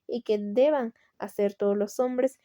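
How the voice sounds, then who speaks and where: A woman with a Latin American Spanish accent voicing a kindly male friar who gently reassures a penitent in a storybook reading. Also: fairly high pitch, steady tone, measured pace, dry recording, highs cut off, lightly acted. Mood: reassuring.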